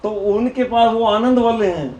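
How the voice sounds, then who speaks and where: A man preacher telling devotional stories in an animated way, often laughing. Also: high voice, measured pace, dull audio. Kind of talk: devotional storytelling sermon. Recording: echoey hall with faint noise.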